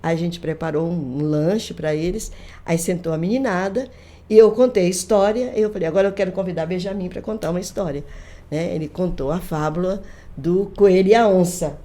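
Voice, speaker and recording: An older woman, a grandmother, chatting on a podcast and retelling family stories with lively quoted voices. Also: fairly low pitch, a little fast. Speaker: guest, folklorist. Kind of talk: casual storytelling conversation.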